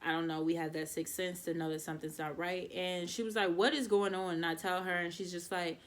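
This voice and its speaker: A young woman vlogging to camera, telling an exasperated storytime in a casual, animated way and talking straight to her viewers. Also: on the low side, fairly quick.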